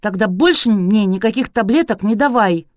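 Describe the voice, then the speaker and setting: A woman's voice: moderate pace, darkish tone, dry recording, studio quality, natural voice. A woman voicing a hysterical, spoiled young bride who wails and whines. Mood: bossy. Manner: shrill, wailing, whiny.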